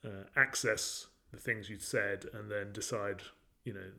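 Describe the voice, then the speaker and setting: A man's voice: lowish voice, fairly even intonation, a little slow, gravelly, pushed and bright. Chatty man, thoughtful questions. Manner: thoughtful, questioning, many fillers and restarts. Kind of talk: casual chat.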